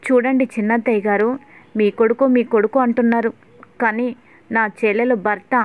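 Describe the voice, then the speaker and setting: A woman's voice: fairly high pitch, fairly even intonation, moderate pace, dry recording, close to an everyday voice. A woman voicing a stern young woman who confronts her sister's husband, on tinny phone-like audio. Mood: firm. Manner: firm, confronting.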